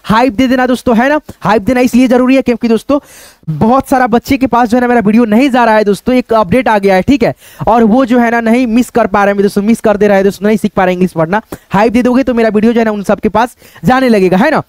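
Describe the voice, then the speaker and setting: A man's voice: very high-pitched, fast, a little mellow, no echo. A man teaching a spelling lesson to online viewers, patient and repetitive, addressing them as friends. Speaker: English teacher.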